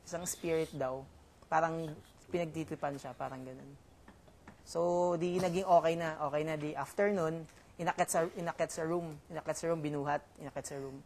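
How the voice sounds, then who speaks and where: Young man, filipino accent, casual chat, halting, lots of fillers, restarts. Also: fairly high pitch, steady tone, a little hiss or hum. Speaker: reality show housemate. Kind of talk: casual storytelling.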